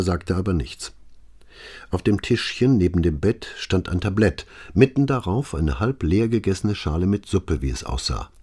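Deep, husky male audiobook narrator. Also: dark tone. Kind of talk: scripted narration.

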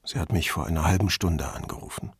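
A man voicing an older male count, grieving and halting, quick to flare up. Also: sits low, vocal fry, breathy edge, dry recording, studio quality, pitched below the performer's own voice, heavily acted. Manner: halting, heavy with grief.

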